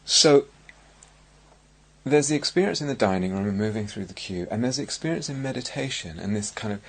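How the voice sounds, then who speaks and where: A middle-aged man with an English accent giving a dharma talk as a meditation teacher, speaking in a reflective, halting way with many restarts. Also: lowish voice, expressive. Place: meditation hall at a retreat centre.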